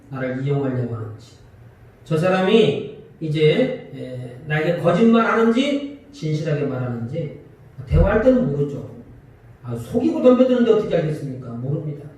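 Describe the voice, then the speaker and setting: A man preaching a Sunday sermon as pastor, asking the congregation questions and acting out quarrels. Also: a little high. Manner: lively, asks the congregation questions and acts out quarrels. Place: church sanctuary. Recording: echoey church hall from far off.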